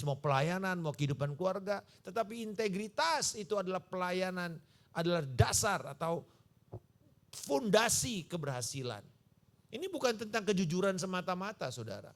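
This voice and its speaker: A man's voice: high-pitched, moderate pace. A male pastor preaching a sermon, telling stories and acting out the dialogue in them. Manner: animated storytelling, acting out dialogue. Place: church service.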